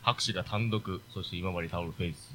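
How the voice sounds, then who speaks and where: A man hosting a live podcast recording, briskly moving the program along. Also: deep voice, fairly bright tone, slight background noise. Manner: brisk emcee, moves things along. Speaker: podcast host. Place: live event venue.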